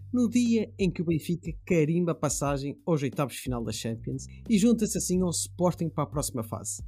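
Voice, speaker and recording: A man's voice: fairly high pitch, warm tone. A man hosting a casual football podcast with a playful, wordy way of presenting. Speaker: podcast host.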